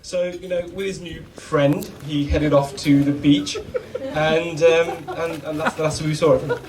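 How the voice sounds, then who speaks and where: At a wedding reception, a British man delivers an informal best man speech to the guests, full of laddish banter. His voice is a little high, steady and a little slow. A distant mic captures it amid loud crowd noise.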